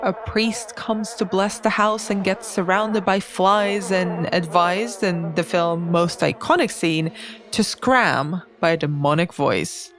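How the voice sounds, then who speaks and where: A woman's voice: lowish voice, slow pace, over loud music. A woman hosting a podcast, reading scripted narration. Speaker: podcast host.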